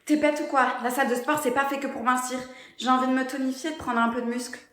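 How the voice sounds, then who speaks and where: A woman's voice: high voice, fairly even intonation, fast talker, reverberant, close to an everyday voice. A woman's text-to-speech voice playing a fed-up, suspicious young partner and mother in a scripted story. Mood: defensive.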